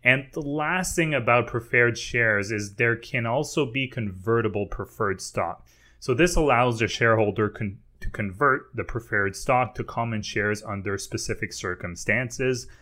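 A man's voice: medium pitch, moderate pace, pushed and bright. A man with a French Canadian accent, co-hosting an investing podcast and explaining things in a casual, chatty way with fillers and restarts. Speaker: podcast co-host.

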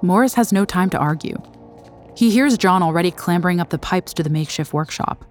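A woman giving scripted documentary narration, recorded as a studio voice-over, in a measured, dramatic storytelling manner. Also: on the low side, lively intonation, darkish tone, soft background music.

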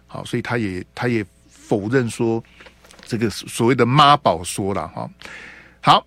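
A man from Taiwan hosts a political talk show on the radio, chatty and peppering his talk with tag particles. His pitch sits in the middle range. The studio sound is close and dry. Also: a bit bright, no room sound. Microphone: studio mic.

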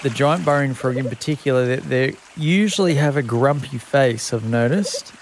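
A man's voice: medium pitch, normal speed, a little hiss or hum. A man, a scientist explaining things informally in an interview. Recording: faint music behind the voice.

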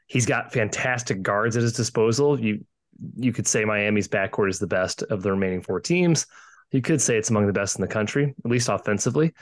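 Lowish-voiced man giving sports analysis.

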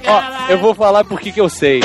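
A man's voice: high-pitched, moderate pace. A man with a Brazilian Portuguese accent trading teasing, slangy banter on a podcast panel. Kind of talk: casual banter.

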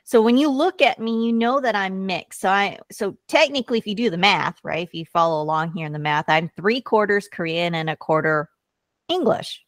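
A woman's voice: medium pitch, expressive, normal speed, no echo, studio quality. An American woman in her forties, a podcast guest, telling her story earnestly and often checking in with "right?". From United States. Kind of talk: casual interview talk.

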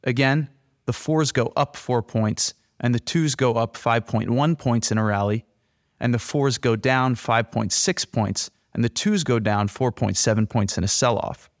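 Male finance podcast host, medium pitch, scripted read, dry recording. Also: measured pace, no room sound.

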